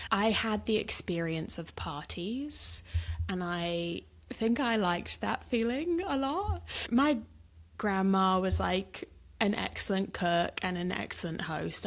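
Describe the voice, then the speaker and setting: A woman in her thirties with a southern English accent, talking as a guest in a relaxed interview. Her voice has a gravelly, vocal-fry edge, and she is chatty and self-deprecating, laughing easily at herself. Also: medium pitch. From south of England. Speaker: guest, supper club founder. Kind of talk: casual interview chat.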